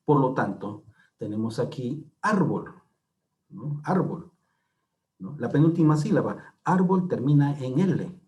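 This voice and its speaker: A man gives a classroom-style lecture in a mellow, darker voice at an ordinary pitch. He explains step by step, repeating key words and tossing in little tag questions to check that his listeners follow. His delivery is patient and measured. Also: animated, dull audio. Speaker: teacher.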